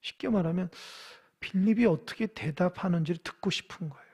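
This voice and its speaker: A man delivers a sermon in a church in a high, husky voice. He talks to the congregation as if in conversation and keeps asking them questions. He acts out the lines of the biblical figures he is describing. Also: fairly quick, darkish tone. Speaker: pastor. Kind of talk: sermon at a Wednesday church service. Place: church sanctuary.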